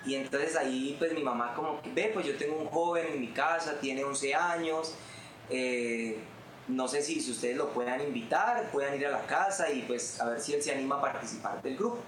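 A man in his twenties with a Colombian accent speaks in a mid-range, slightly bright voice at a moderate pace. He's a guest musician giving an earnest, heartfelt faith testimony during an interview. The room is roomy, with background noise.

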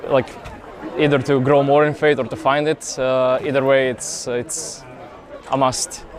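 A young man speaks in a flat, even tone, pausing often and reaching for words as he earnestly answers questions. He is outdoors at a festival, and a faint crowd murmurs behind him. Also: mid-range voice. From Croatia. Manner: earnest, hesitant, many pauses and fillers. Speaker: interviewee, festival pilgrim. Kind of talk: casual street interview. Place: outdoor youth festival grounds.

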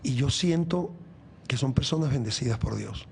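A man's voice: medium pitch, animated, moderate pace, vocal fry, a little mellow, slight background noise. A Venezuelan man in his sixties, a guest in an interview, talking earnestly about faith, rambling with many restarts. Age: 60s. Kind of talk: reflective faith talk in an interview.

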